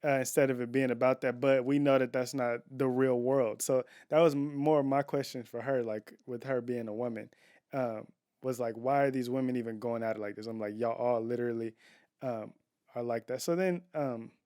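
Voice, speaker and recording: A man co-hosts a casual couples podcast from home, chatting in an opinionated, emphatic way full of restarts and fillers. His voice is medium-pitched and darkish, with fairly even intonation and normal speed, recorded clean in studio quality with no echo.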